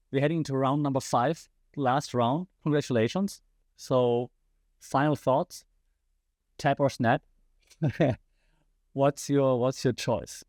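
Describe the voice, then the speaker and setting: With a darkish mid-range voice that is slightly giving out, this podcast host speaks in a German accent. His solo commentary is passionate and full of rhetorical questions aimed at listeners, captured in clean studio sound without echo.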